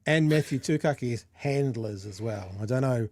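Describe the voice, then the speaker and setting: A dry, close recording of a man with a New Zealand accent. He hosts a live talk show in casual chat, with a medium-pitched voice. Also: normal speed, darkish tone, dry recording.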